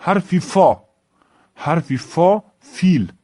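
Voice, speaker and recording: Brief: male teacher, Tajik accent, slow drill voice, dry close sound. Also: high-pitched, animated, a little mellow, dry recording. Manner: slow, repeats each word, stresses letter names. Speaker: Arabic teacher. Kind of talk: alphabet lesson.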